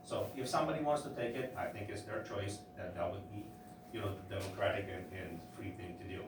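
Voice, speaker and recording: A man giving public testimony at a hearing, halting with many fillers and restarts. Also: low voice, noisy background. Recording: echoey hearing room from far off.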